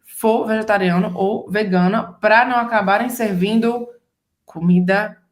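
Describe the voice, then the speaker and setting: A woman's voice: medium pitch, fairly even intonation, normal speed. A Brazilian woman with a Brazilian Portuguese accent, co-teaching a casual French lesson and explaining pronunciation step by step. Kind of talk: casual bilingual language lesson.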